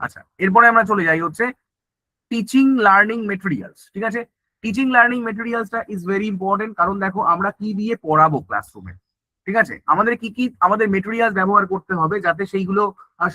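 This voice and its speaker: Here a man with a high-pitched, sharp voice talks fast and with lively intonation, recorded without echo at low quality. He's giving an online exam-prep lecture, answering his own questions, slipping English terms into Bengali, and checking in with "ঠিক আছে?" again and again.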